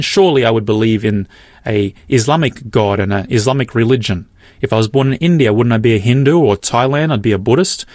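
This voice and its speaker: A man's voice: mid-range voice, a little mellow, no room sound, clean studio sound. Earnest man narrating a podcast. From Australia. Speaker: podcast host. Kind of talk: scripted narration.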